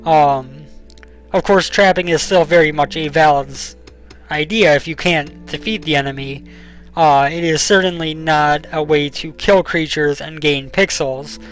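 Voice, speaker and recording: A young man narrates his game session in a relaxed, explanatory way, his voice sitting a little high. He fills pauses with ums while he has the hiccups. Faint game music runs underneath. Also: low-quality recording. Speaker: let's play host. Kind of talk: casual gameplay commentary.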